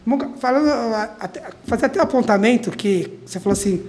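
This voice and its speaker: A woman's voice: fairly high pitch, lively intonation, fast talker, a little mellow. A woman interviewing a guest on a radio show, conversational, often ending her phrases with a questioning tag.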